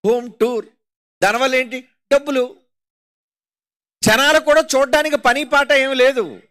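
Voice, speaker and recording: A man's voice: very high-pitched, steady tone, unhurried, sharp tone. A man with a Telugu accent preaching a sermon, mocking and rhetorical, constantly putting questions to his listeners. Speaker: pastor.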